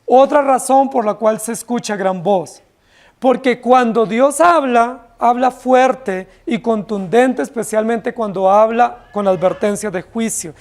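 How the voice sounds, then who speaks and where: A pastor with a Colombian Spanish accent and an extremely high-pitched voice preaches an expository sermon to his church congregation at an unhurried pace. He speaks emphatically and keeps checking in with listeners through rhetorical questions.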